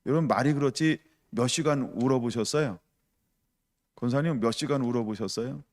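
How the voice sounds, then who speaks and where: A man preaches a midweek sermon in an easy, conversational tone, at a middle pitch. He acts out the grumbling of the people in his story and turns to his listeners with direct questions. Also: moderate pace. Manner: conversational preaching, acts out voices of the crowd, asks the congregation questions. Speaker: pastor.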